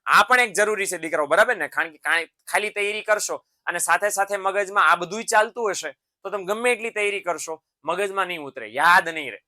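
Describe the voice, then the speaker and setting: Bright, sharp-toned teacher man. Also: high-pitched, a little fast, hardly any pauses. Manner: fatherly, calls students "sons", frequent tag questions. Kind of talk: motivational lesson to students.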